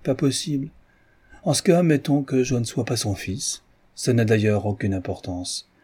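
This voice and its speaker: A man voicing a playful, gallant gentleman adventurer in an audiobook, raising his voice with airy politeness. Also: medium pitch, animated, normal speed, husky.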